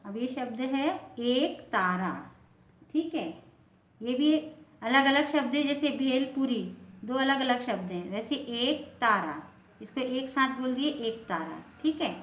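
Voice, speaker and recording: A woman's voice: high-pitched, expressive, slow pace, a bit bright, echoey room, lo-fi sound. A woman teacher giving a patient lesson, spelling words out letter by letter.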